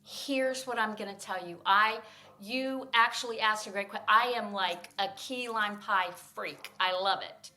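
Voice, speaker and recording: Woman, middle-aged, from Florida, bright voice, emphatic, enthusiastic, podcast guest. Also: medium pitch, a little slow. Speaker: podcast guest, sales professional. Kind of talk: casual interview chat.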